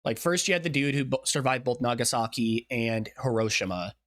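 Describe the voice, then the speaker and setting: A man's voice: mid-range voice, fairly quick, a bit bright. A man giving casual streamer reaction commentary, blunt and sweary, often thinking aloud as he goes.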